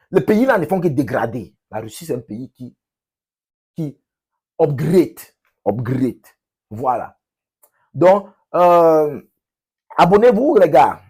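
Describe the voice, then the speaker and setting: A man from Cameroon with a Cameroonian French accent, talking casually to his subscribers in an emphatic, repetitive, halting way. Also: fairly high pitch, darkish tone, husky. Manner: emphatic, repeats phrases, halting with restarts. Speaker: vlogger, language teacher.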